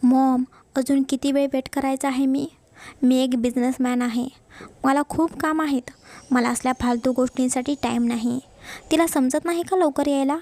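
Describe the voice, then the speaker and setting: A woman's voice: sits high, fairly even intonation, moderate pace, darkish tone, no room sound. Woman voicing an arrogant young businessman. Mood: annoyed. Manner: haughty, irritated. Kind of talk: storybook narration.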